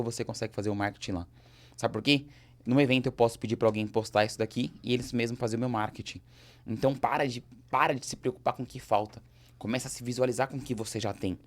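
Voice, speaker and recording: Man, Brazilian accent, rapid delivery, energetic motivational host, middle pitch. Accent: Brazilian Portuguese. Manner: energetic, gesturing, acts out quoted dialogue. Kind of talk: motivational talk on entrepreneurship.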